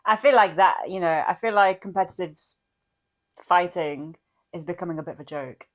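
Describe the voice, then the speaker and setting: A woman's voice: fairly low pitch, moderate pace, muffled recording. A woman co-hosting a podcast in casual comedic chat, with a playful, giggly manner. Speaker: podcast co-host.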